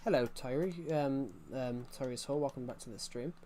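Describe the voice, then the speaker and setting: A young man in his early twenties talking through a live game stream. He rambles from one subject to the next and answers chat messages as they come in. His voice sits at an ordinary mid pitch. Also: normal speed, mellow, slight background noise. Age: early 20s. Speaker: livestreamer. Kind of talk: casual livestream chat while gaming.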